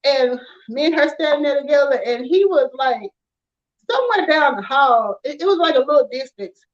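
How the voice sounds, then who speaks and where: A woman, telling stories in an animated, casual chat with frequent laughter. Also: high-pitched, moderate pace. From rural Alabama, USA. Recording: dull lo-fi sound.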